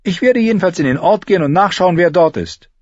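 A fierce, scrappy noble girl who snaps back with sharp, commanding indignation, put on by a male audiobook narrator. She sits far above his usual range, yet a husky grain stays under it. The recording is dry and a little dull. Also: high-pitched, animated, fairly quick, no room sound, pitched above the performer's own voice. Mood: indignant.

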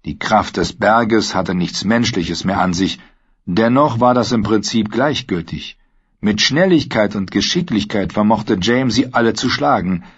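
Low husky male audiobook narrator. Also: measured pace. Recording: dull lo-fi recording.

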